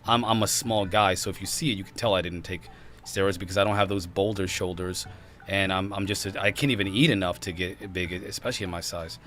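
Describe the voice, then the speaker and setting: This is a man in his thirties hosting a laid-back podcast chat. His voice sits a bit low, and he talks fast, bursting into excited exclamations. Faint music plays underneath. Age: 30s. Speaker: podcast host. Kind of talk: casual chat.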